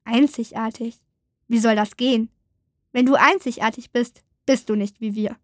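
A woman's voice: a little high, steady tone, normal speed, dry recording, studio quality, lightly acted. A woman voicing a mean, mocking male wooden creature in a storybook. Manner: scornful, mocking.

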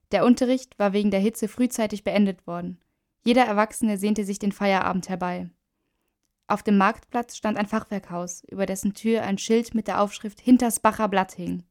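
A woman reads a storybook aloud with a measured, even delivery. Her voice sits at a middle pitch. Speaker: narrator. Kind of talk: storybook narration.

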